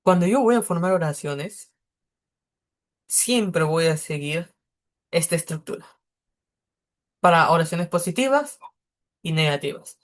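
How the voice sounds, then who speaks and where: A man's voice: fairly high pitch, expressive, a little slow, pauses often. A man teaching a beginner English lesson, explaining step by step with patience.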